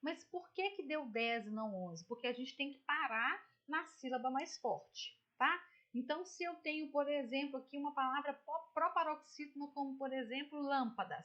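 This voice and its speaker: A woman's voice: high-pitched, moderate pace, pushed and bright, muffled recording. A woman teacher with a Brazilian Portuguese accent explains a poem in an online lesson, chatty and explanatory, often checking in with "tá?" and "né?". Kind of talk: online literature lesson, screen-share explanation.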